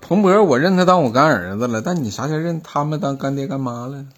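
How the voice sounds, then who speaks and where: A man's voice: mid-range voice, expressive, fast talker. A man with a Northeastern Chinese accent chatting at home, teasing and questioning a child as she tells her story. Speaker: parent listening to a child's story. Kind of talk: casual home chat.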